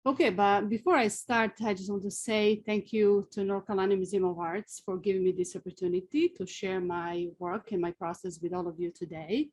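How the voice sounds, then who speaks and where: This is a woman from Serbia in her forties, a sculptor, presenting a webinar outdoors with her Serbian accent. She speaks carefully and without hurry, using many fillers, in a medium-pitched, darkish voice with fairly even intonation.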